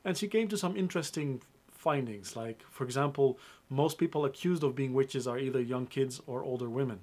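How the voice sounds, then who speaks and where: A man's voice: mid-range voice, brisk, a little mellow. Young male web presenter, emphatic and upbeat, close mic. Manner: upbeat, emphatic, addresses viewers directly. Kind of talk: scripted film review to camera.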